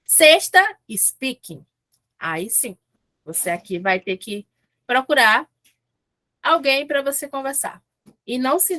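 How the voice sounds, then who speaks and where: A woman's voice: high voice, fairly bright tone, no room sound. A woman from Brazil teaching English in a casual, chatty lesson, often checking in with her listeners.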